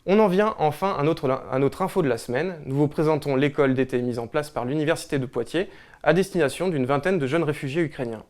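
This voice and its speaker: A man's voice: fairly high pitch, a little mellow. Guy hosting a local news show, reads the rundown, then asks questions with lots of euh. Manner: brisk read-through, then hesitant questions. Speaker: host. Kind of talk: newspaper video show presentation and interview.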